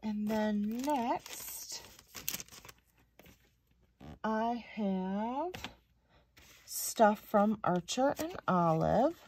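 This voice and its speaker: A woman's voice: medium pitch, lively intonation, drawn-out words, long pauses, darkish tone, slight background noise. A woman vlogger chatting casually as she unboxes planner stickers, reading each phrase aloud with many likes and ums.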